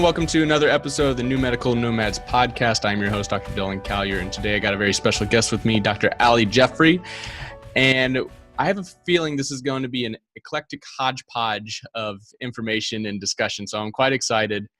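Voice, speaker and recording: A man hosts a podcast in a mid-pitched, easygoing voice. He asks his guest questions in a casual way and laughs along with him. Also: fast talker, faint music behind. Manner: friendly, relaxed, laughs often. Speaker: podcast host. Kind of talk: casual interview chat.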